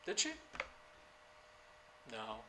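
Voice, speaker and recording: An older man, lecturing a class in a halting way with many fillers and sudden emphasis. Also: bright, forceful tone, slight background noise. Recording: echoey lecture room, faint ambience.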